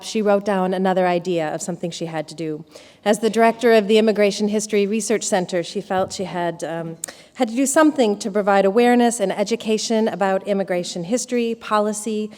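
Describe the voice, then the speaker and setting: Female presenter, mid-pitched voice, narrative talk with "um"s, long hall reverb. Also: darkish tone. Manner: storytelling delivery with hesitant fillers. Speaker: conference presenter. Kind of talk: lightning talk.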